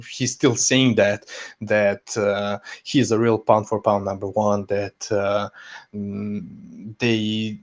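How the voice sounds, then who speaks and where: A man co-hosting a casual boxing podcast, talking haltingly with many fillers and restarts. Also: on the low side. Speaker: podcast co-host. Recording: dull lo-fi sound.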